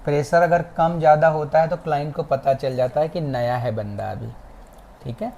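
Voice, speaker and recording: A massage instructor giving a hands-on class demonstration, with soft, repeated cues and frequent check-ins with the students. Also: medium pitch, normal speed, creaky, lo-fi sound, slight background noise. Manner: soft, repetitive coaching cues. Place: training academy classroom.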